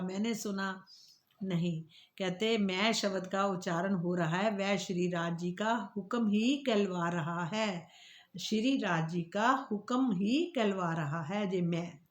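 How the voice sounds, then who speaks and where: A woman teaching devotional scripture, who asks questions and answers them herself, and sings the verses slowly. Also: mid-range voice, roomy sound.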